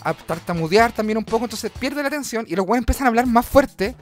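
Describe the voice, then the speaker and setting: A man with a Chilean accent, a comedian hosting a casual show, telling stories in an animated, slangy and profane way. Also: extremely high pitch, quick pace, soft background music. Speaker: comedian host.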